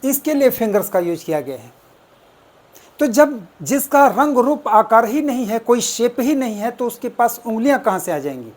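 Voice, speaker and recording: An exam coaching teacher explaining test answers, deliberately repeating and spelling out words step by step. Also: mid-range voice, sing-song. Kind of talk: explaining exam answers, mixing English terms.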